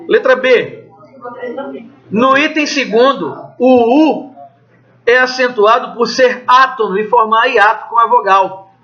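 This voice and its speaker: A Brazilian Portuguese teacher with a very high, bright voice drills his class through an exam review. He throws questions out and answers them himself in a loose, conversational way, cursing now and then. The recording sounds dull and lo-fi. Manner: swears casually.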